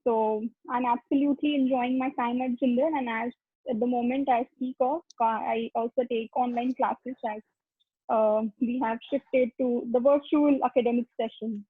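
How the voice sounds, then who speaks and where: A woman's voice: a little high, fairly even intonation, normal speed, slightly rough, dry recording. A woman speaking as a lecturer on an online panel, earnest and full of fillers and restarts, over a video call. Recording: tinny lo-fi call audio.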